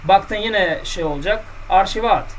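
A man's voice: high-pitched, normal speed, fairly bright tone, far from the mic, a little hiss or hum, rough recording. A man coaching on dating in a casual podcast monologue, blunt and colloquial, lecturing his listeners directly.

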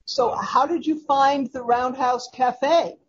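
A woman's voice: high voice, steady tone, slow, highs cut off. A woman hosting a podcast, welcoming a guest and asking friendly questions. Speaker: podcast host. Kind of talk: podcast interview.

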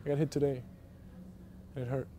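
Hesitant young man with a mellow voice. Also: medium pitch, flat delivery, brisk, slight background noise. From Germany. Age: young adult. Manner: hesitant, many fillers and restarts. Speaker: college basketball player. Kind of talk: casual interview answers. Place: empty indoor basketball arena.

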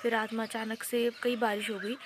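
A woman's voice: fairly high pitch, level tone, fairly quick, echoey room. Chatty woman vlogging household chores. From Uttarakhand, India. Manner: chatty, narrates household chores as she works. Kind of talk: casual vlog narration. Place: home kitchen. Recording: noisy home recording.

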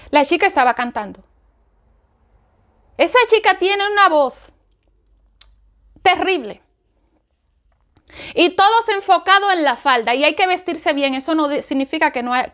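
High-voiced woman teaching with animated emphasis. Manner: animated, repeats phrases for emphasis. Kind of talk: informal Bible study talk.

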